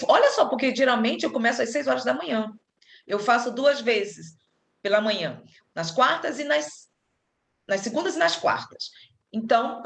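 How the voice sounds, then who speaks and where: A woman's voice: high-pitched, vocal fry, a bit bright, reverberant. A woman leading a spiritist study group, explaining patiently with fillers and restarts.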